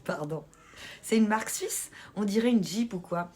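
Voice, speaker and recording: A woman's voice: mid-range voice, normal speed, a little mellow, slightly rough. A woman hosting a casual live stream, chatting and laughing with her viewers as she reads the chat. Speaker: livestream host.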